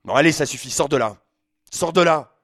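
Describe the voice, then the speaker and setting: A man voicing a furious middle-aged father who yells harsh commands. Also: low voice, level tone, fast, dry recording, clean studio sound, close to an everyday voice.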